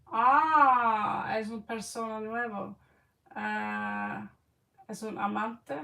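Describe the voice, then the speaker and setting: A slightly tired woman giving an informal card reading in halting, Spanish, searching for words. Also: on the high side, steady tone, gravelly, pushed and bright. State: a little tired. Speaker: tarot card reader. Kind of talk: casual, informal one-on-one reading. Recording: distant mic with faint background noise.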